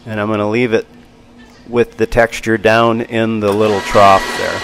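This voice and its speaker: Through poor audio with music behind him, a man in his sixties speaks in a lowish, flat voice at a moderate pace, casually describing his shop work in plain, folksy terms. He's a machinist and channel host in an indoor machine shop, where machine and tool noise comes through clearly.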